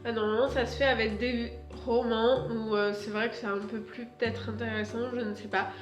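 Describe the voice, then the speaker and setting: A woman talks casually to her viewers while standing by her shelves, pausing often and filling gaps with hesitations. Her voice sits a bit high. The room is echoey, and faint music plays behind her. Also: level tone. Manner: chatty, full of hesitations and fillers; moves about while talking, standing. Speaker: booktuber. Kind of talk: casual vlog chat. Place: at home by her bookshelves.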